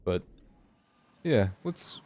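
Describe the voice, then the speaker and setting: A man's voice: drawn-out words, a little mellow, no echo. A man with an American West Coast accent giving casual, unscripted gameplay commentary, thinking aloud in a hesitant, rambling way. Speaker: gaming host doing a playthrough.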